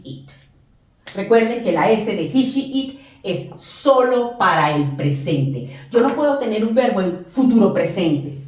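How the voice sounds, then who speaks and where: A woman English teacher explaining grammar in a classroom lesson, repeating examples slowly and lifting her voice on the English words. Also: medium pitch, darkish tone. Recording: echoey room, distant mic.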